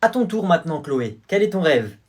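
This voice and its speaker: A comedian playing a female schoolteacher in a comedy sketch, speaking in a brisk, raised classroom voice. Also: mid-range voice, sing-song, husky. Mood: teacherly. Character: female schoolteacher asking pupils about dreams. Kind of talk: comedy sketch role-play.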